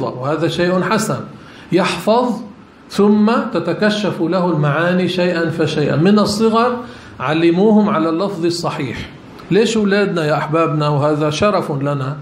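A man with a Lebanese accent gives a religious lesson in a mosque, moving between formal and everyday speech. His voice sits somewhat high, and he presses his points with rhetorical questions. The recording rings with the echo of a large hall, with a faint hiss underneath. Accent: Lebanese Arabic. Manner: earnest, asks rhetorical questions and answers them. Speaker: sheikh teaching a religious lesson. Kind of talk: mosque lesson mixing classical and colloquial speech.

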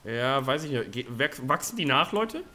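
A man hosting a co-op survival game let's play, chatting casually, swearing and breaking into excited shouts. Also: mid-range voice, moderate pace, a little hiss or hum. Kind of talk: casual co-op gaming chat.

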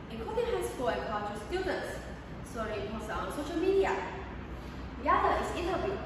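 Teenage girl presenting in a ringing hall. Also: fairly high pitch. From Taiwan. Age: teens. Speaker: student presenter. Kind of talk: reading a scripted English presentation. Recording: echoey hall from far off, noisy.

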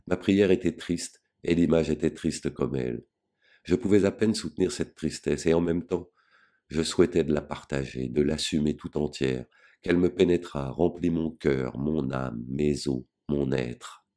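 A man reading a novel aloud as an audiobook in a measured, grave first-person narration. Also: rumbling low, warm tone. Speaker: audiobook reader.

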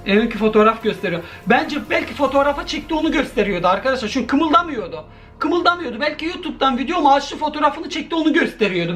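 A man making a horror video, reacting out loud to a video call and talking to his viewers in a jumpy, excitable way. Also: sits high. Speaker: horror YouTuber.

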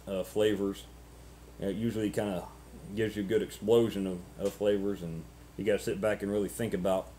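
A man in his thirties chatting casually and unscripted to camera as a vlogger, halting and ruminative, often repeating words, on noisy webcam audio. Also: fairly low pitch, warm tone. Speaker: pipe-smoking vlogger.

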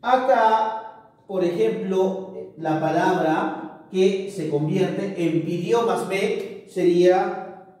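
A male teacher with a high voice gives a slow, patient lesson, checking in with his class again and again. The room is very echoey and he stands back from the mic. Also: a little mellow, recorded from a distance. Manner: explains patiently, keeps asking "¿no es cierto?".

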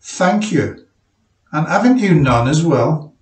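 Guy doing a sarcastic coal miner's wife, sneery twangy voice, higher up, echoey and far from the mic. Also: big pitch swings, slow, a little mellow. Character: sharp-tongued plump miner's wife, sarcastic.

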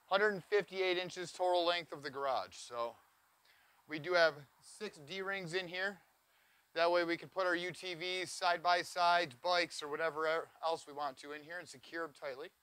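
Guy in his 40s showing off a trailer, high bright voice, dry close mic. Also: clean tone, no room sound. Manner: enthusiastic, pointing things out as he walks. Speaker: trailer reviewer. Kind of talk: walkaround product tour. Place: inside and around a cargo trailer on an outdoor lot. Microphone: lapel mic.

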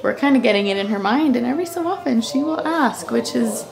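A young woman chatting casually about her home, upbeat and quick to laugh. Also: on the high side, animated, gravelly, crowd noise. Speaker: vlogger. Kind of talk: casual home tour chat. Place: bathroom of a new house.

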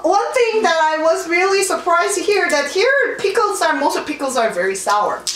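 A woman's voice: extremely high pitch, big pitch swings, normal speed, fairly bright tone. A woman from Korea with a Korean accent, playfully hosting a challenge video from off camera in a living room. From South Korea. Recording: echoey room, clearly noisy, clicks.

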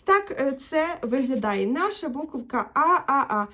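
High-voiced woman teaching kids letters. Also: sing-song. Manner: patient, drawn-out vowel demonstrations for children; gentle, encouraging address to children. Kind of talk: children's alphabet lesson.

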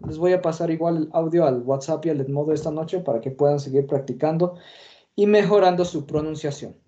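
A man's voice: fairly high pitch, brisk, warm tone. A man teaching an English lesson online, explaining patiently with fillers, in dull lo-fi audio.

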